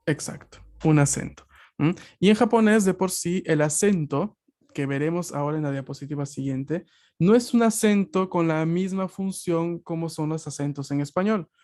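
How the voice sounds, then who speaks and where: A male language teacher giving a patient, explanatory online class over a video call, often pausing to check that students follow. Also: fairly high pitch, darkish tone.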